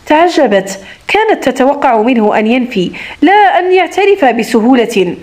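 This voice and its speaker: A woman's voice: sits high, big pitch swings, normal speed, a little mellow. A woman narrating a romance novel aloud, reading both lovers' lines in her own voice and rising for the heroine's anger. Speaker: audiobook narrator.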